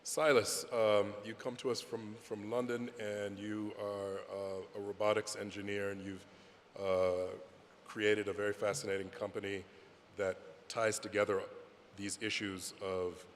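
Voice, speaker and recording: A man's voice: lowish voice, level tone, a little slow, slight background noise. A man moderating a conference panel, introducing speakers with hesitant, filler-heavy questions. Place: large conference hall. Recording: long hall reverb with faint ambience.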